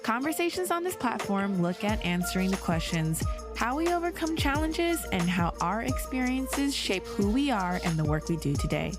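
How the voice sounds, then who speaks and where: A woman's voice: mid-range voice, sing-song, moderate pace, music in the background. A woman hosting a podcast, enthusiastic and welcoming as she introduces her guest. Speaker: podcast host. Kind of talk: scripted intro then casual interview.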